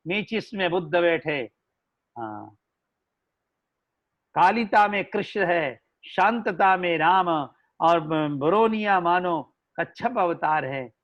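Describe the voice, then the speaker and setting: A man with a Hindi accent delivers an unhurried devotional discourse, drawing out his words and slipping into chanted, melodic verses. His voice sits high for a man. The recording is dull and lo-fi. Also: animated. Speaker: religious storyteller.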